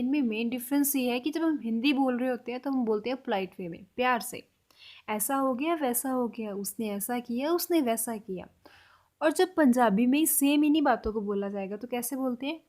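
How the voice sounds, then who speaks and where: A woman teaching a spoken language lesson, slowly repeating example phrases for learners. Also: a little high.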